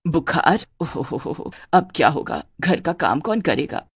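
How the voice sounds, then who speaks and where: A lower, fretful older mother-in-law in a cartoon, voiced by a woman narrator. She fusses and exclaims in a deeper tone than the narrator's own. The recording is dry and close. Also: expressive, unhurried, husky, dry recording, heavily acted.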